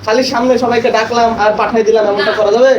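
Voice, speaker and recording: High-voiced male teacher trainer, echoey room. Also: little pitch movement, rapid-fire, highs cut off. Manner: questioning, instructive, spells words aloud. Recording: echoey room with loud background noise.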